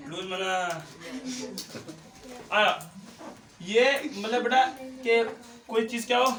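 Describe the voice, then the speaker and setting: Speaking slowly in an extremely high, fairly bright voice, a man teaches physics to his students. He mixes in English phrases and asks his questions more than once. Recorded from afar in an echoey classroom, the clip carries students' voices behind him.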